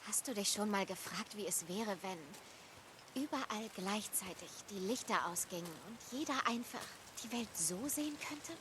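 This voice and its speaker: A woman voicing a young woman scientist who is curious and dreamy, in a game dub, speaking in an animated way. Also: mid-range voice, normal speed, background noise, close to an everyday voice.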